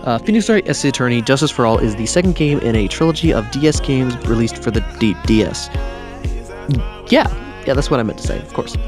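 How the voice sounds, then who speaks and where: A man rambles through a casual game review, often correcting himself mid-sentence and tossing in joking asides. His voice sits at an ordinary middle pitch and sounds muffled, since he is recording under a blanket. Clear music plays underneath him. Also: animated, a little fast.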